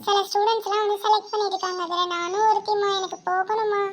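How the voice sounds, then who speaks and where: A woman's voice: very high voice, level tone, quick pace, a little hiss or hum. A woman voicing a college-age daughter who dreams of being a singer, pleading and tearful in a cartoon. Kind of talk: cartoon voice acting. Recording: loud background music.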